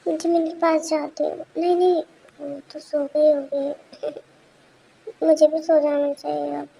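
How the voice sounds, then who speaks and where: Woman narrator for a homemade audio story; high, unhurried, hops between characters, light background hiss. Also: little pitch movement, gravelly, dark tone. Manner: switches quickly between character voices, lots of hums. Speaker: fan story narrator voicing all characters. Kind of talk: amateur audio drama reading.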